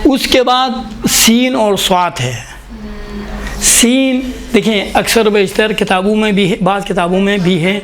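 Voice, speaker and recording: A man's voice: sits high, a crowd in the background. A man teaching Quranic pronunciation to a class, explaining patiently and asking the students questions. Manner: patient, questioning, often says "look". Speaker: tajweed teacher. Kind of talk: classroom lesson.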